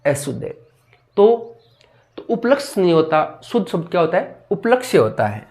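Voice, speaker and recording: A man's voice: on the high side, very animated, normal speed, a little mellow. Man drilling spellings in a grammar lesson. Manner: drills word spellings with repeated questions and answers. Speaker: teacher.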